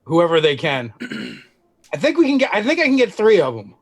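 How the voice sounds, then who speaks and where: A man playing a tabletop game, stating his character's moves deliberately with a wry humor. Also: sits high, huge pitch swings. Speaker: player. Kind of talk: casual chat at a game table.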